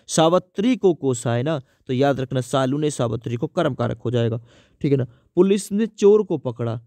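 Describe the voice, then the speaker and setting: A man giving an exam-prep grammar lesson. He asks questions and answers them himself, with a lot of repetition, and reads the example sentences out slowly. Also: on the high side, mellow, no echo. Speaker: teacher.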